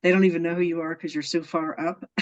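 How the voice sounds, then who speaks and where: In a casual storytelling interview, a woman guest shares personal stories earnestly and enthusiastically, laughing often. She talks fast in a lowish voice with little pitch movement, and the recording has a dull lo-fi sound.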